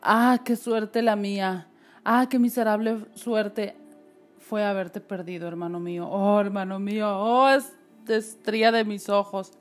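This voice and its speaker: A woman's voice: mid-range voice, fairly even intonation, moderate pace, darkish tone, soft background music, close to an everyday voice. A woman voicing a scheming middle-aged sorcerer who poses as a long-lost uncle, with a theatrical, wailing lament.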